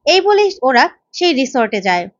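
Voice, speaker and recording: A woman's voice: high-pitched, normal speed. A woman retelling a TV serial episode in casual storytelling style, on a slightly dull lo-fi recording. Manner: steady retelling.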